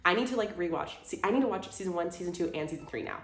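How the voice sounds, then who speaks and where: A woman's voice: on the low side, lively intonation, rapid-fire. A woman, chatting casually about her favorite things of the month, gushing and full of fillers. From Houston, Texas. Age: 20s. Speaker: vlogger. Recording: roomy sound with faint music.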